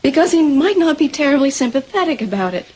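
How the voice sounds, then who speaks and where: A woman's voice: high-pitched, big pitch swings, fast, darkish tone, poor audio. An actress playing an anxious, proud young pregnant woman in a 1980s soap opera, talking hesitantly with stumbling restarts. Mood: anxious, defensive.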